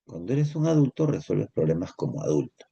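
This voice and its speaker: A male psychology teacher with a Peruvian Spanish accent, lecturing lively and acting out little dialogues in character voices. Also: low-pitched, brisk, gravelly, slightly rough, muffled recording. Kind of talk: lecture with acted examples.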